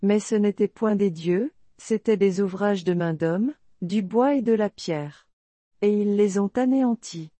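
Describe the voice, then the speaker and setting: A devout king pours out a prayer, as a woman reads it. Her voice is mellow and warm, recorded dry and close. The reading is solemn and measured. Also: mid-range voice, no room sound, close to an everyday voice. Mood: pleading.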